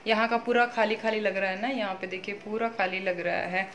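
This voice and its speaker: A woman in her thirties chats away quickly in a home vlog, stringing her sentences together with plenty of fillers as she cooks and tidies. Her voice sits at an ordinary middle pitch, and she is a native Marathi speaker. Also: steady tone, a bit bright, slight background noise. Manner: fast, chatty, many fillers. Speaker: vlogger. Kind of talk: casual home vlog, cooking and chores.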